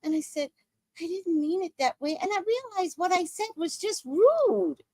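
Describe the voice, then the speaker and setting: A woman's voice: very high-pitched, animated, normal speed, mellow, no room sound. A woman in her sixties telling a story in a casual, profane, dramatic way as a podcast host. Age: 60s.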